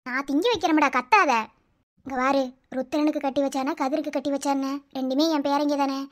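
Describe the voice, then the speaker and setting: Woman voicing a cartoon grandmother, older, Madurai accent, lower voice, firm and reassuring. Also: steady tone, a little fast, close to an everyday voice. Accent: Madurai Tamil. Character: elderly village grandmother, firm and comforting. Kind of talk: cartoon voice acting.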